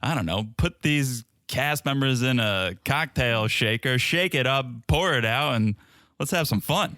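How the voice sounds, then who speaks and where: A man from Connecticut co-hosting a podcast in casual chat, playful and animated, laughing often. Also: mid-range voice, measured pace, no room sound, clean studio sound. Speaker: podcast co-host.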